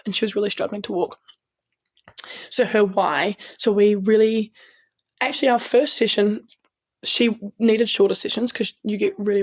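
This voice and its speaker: Speaking with a gravelly, slightly mellow mid-range voice, the New Zealand-accented guest recounts stories in a relaxed interview. A strength coach and sports medic, she comes across as earnest, frequently restarting her sentences and filling pauses with ums.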